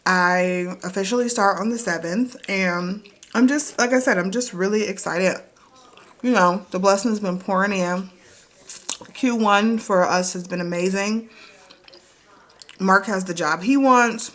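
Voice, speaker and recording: A woman's voice: medium pitch, a little slow, a bit bright. A woman, chatting upbeat to camera at her kitchen table in a casual vlog, repeating herself as she goes. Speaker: vlogger.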